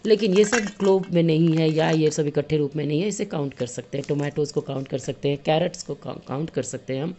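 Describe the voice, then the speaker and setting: A woman's voice: deep voice, mellow. A woman teaching young children a grammar lesson in mixed with terms, patiently counting objects aloud and repeating points.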